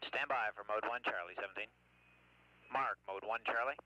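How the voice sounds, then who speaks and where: A man giving calm, clipped callouts to a crew over a crackly radio transmission. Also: fairly low pitch, moderate pace. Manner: calm and reassuring. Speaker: ground controller. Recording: muffled lo-fi radio link.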